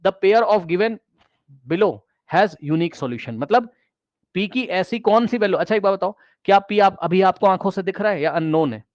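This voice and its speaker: A man's voice: sits high, animated, normal speed, no echo, highs cut off. A man teaching a math class, questioning students directly and repeating key phrases, mixing English math terms into his explanation.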